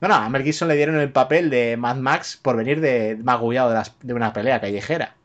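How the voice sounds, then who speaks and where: A man's voice: mid-range voice, a little fast, lo-fi sound. A man from chatting casually about films on a podcast, rambling with fillers and tag questions and swearing freely. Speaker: podcast co-host. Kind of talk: casual film chat.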